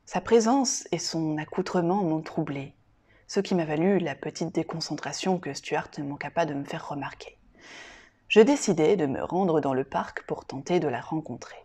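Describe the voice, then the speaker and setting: A woman narrating a first-person short story in an even, quiet way, at times near a whisper. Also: sits low, normal speed, breathy edge.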